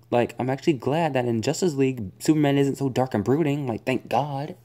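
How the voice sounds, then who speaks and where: A woman's voice: rumbling low, moderate pace, warm tone. A young woman vlogger giving a casual spoken movie review, rambling and exasperated, full of fillers and groans.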